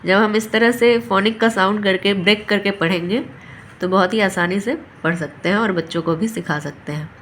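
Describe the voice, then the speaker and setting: A woman's voice: medium pitch, moderate pace, fairly bright tone, slight background noise. A woman teaching a phonics lesson, sounding out letters and words one by one.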